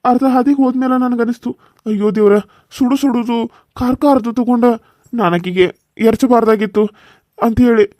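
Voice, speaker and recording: A man's voice: extremely high pitch, fairly even intonation, moderate pace, long pauses, dark tone, dry recording. A man voicing a hot-tempered young husband in a cartoon serial, pleading and apologetic, with a North Karnataka Kannada accent. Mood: remorseful. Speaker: voice actor.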